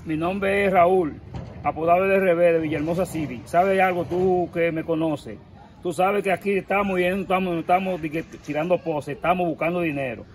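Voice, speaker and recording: A man in his forties, Dominican by accent, speaks at a moderate pace in a high-pitched, steady tone during an outdoor street interview. He is emphatic and pleading, using gestures, and the close handheld camera captures a little hiss or hum.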